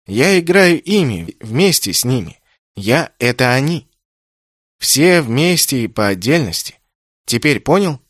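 A man's voice: mid-range voice, big pitch swings, measured pace, dry recording. A man reading an audiobook voices a shapeshifting ageless being that speaks in teasing riddles, in a close, dry recording. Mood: riddling.

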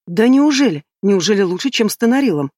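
A man's voice: high-pitched, sing-song, quick pace, a little mellow, no echo, studio quality, voice pushed up. A man reading an audiobook voicing a blunt, skeptical young woman who teases her friend. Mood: sarcastic. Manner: sarcastic.

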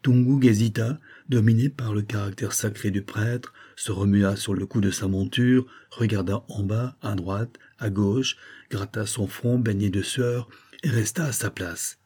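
A man reading an adventure novel aloud as an audiobook narrator, measured and dramatic. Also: lowish voice, fairly even intonation, dark tone, slightly rough.

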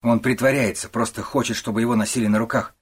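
A man voicing an irritable young husband who talks in a gruff, loud, snappish way. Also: mid-range voice, steady tone, fast, close to an everyday voice. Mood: irritated.

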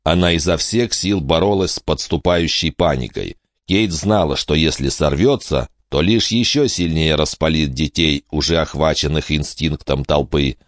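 Deep-voiced man narrating expressively. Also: moderate pace, dry recording, clean studio sound. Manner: expressive, dramatic storytelling. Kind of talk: audiobook narration.

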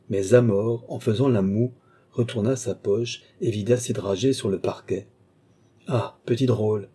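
A man narrating a classic novel in an even, measured reading style. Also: fairly low pitch, slightly rough. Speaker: audiobook narrator.

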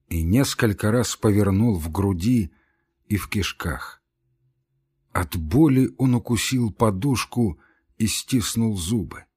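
A man reading a classic story aloud as audiobook narration, expressive and at times hushed. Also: fairly low pitch, breathy edge. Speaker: reader.

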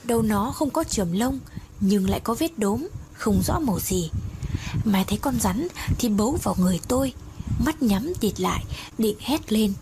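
A woman narrating a first-person horror story in a steady, hushed storytelling manner. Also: medium pitch, moderate pace. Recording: noisy audiobook recording.

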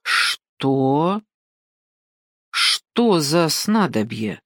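A nervous, bewildered young cook voiced by a woman narrator speaks hesitantly and with unease. His slow delivery comes through a dry, close audiobook recording. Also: low voice, sing-song, fairly bright tone, dry recording, exaggerated voice. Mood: anxious. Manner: hesitant, anxious.

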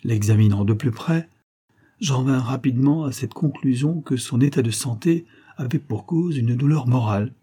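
A man narrating a classic detective story as an audiobook, in a measured, even way. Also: medium pitch, husky.

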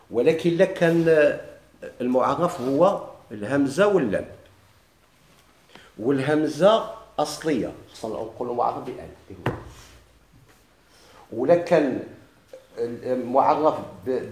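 Fast-talking Moroccan teacher in echoey room. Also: male voice, mid-range voice, darkish tone. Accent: Moroccan Arabic. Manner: asks the class questions and answers them himself. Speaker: grammar teacher. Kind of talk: classroom lesson.

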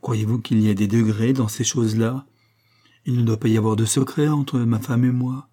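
A man reading an audiobook, voicing an honorable army captain who speaks gravely and insistently to his fiancée. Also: mid-range voice, moderate pace, warm tone, lightly acted. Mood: anguished.

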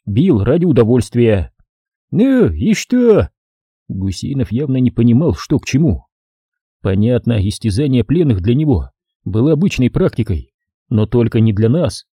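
A man reads a first-person story aloud in a steady audiobook manner. His voice is dark and husky, with a lively rise and fall. The sound is dry and close. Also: medium pitch, moderate pace, no room sound. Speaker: narrator. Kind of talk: audiobook reading.

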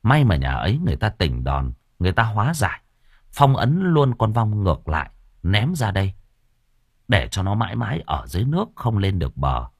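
A man narrating a horror audiobook in a lively storytelling manner. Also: fairly low pitch, brisk, creaky, slightly rough, dry recording, clean studio sound.

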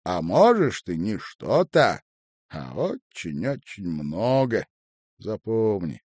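Male narrator as a booming cheerful foreman, lively delivery, dry close sound. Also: slow, slightly rough, no room sound, heavily acted. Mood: hearty. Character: cheerful middle-aged male foreman, loud and bluff.

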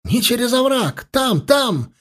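A man's voice: extremely high pitch, very animated, slow, a bit bright, pitched above the performer's own voice, full character voice. A man voicing a frantic male elf archer who shrieks in panic.

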